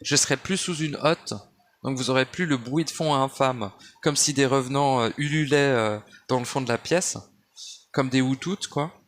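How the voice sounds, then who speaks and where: A man's voice: medium pitch, normal speed, fairly bright tone. Rambling man musing on spirituality. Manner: digressive, many restarts and fillers, addresses listener as tu. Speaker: spiritual speaker. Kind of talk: rambling spoken monologue. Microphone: handheld phone or basic mic.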